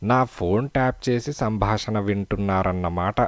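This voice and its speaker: A man reading the part of a calm, shrewd male detective in an audiobook, speaking firmly and persuasively. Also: on the low side, normal speed, dry recording, clean studio sound, close to an everyday voice. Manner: firm, persuasive.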